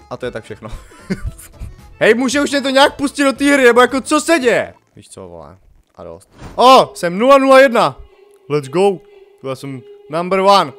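A man with a fairly high voice narrates his gameplay as a youtuber, casual and slangy. He bursts into loud excitement one moment and mutters the next. Faint music plays underneath. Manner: excitable and jokey, big swings from loud outbursts to muttering, slangy. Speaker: gaming youtuber. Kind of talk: casual let's-play commentary.

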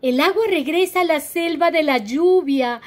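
A woman reading a picture book aloud to children, lively and asking her young listeners questions. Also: high voice, moderate pace. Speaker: storyteller for children.

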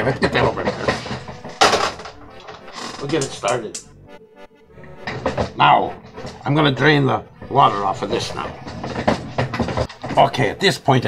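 An older man with a gravelly, creaky voice talks through a home cooking demonstration in a relaxed, folksy way, slipping in the odd pirate joke. A pan sizzles in his kitchen while music plays clearly underneath his voice. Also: mid-range voice, poor audio. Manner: folksy, chatty, with occasional pirate jokes. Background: sizzling frying pan and music.

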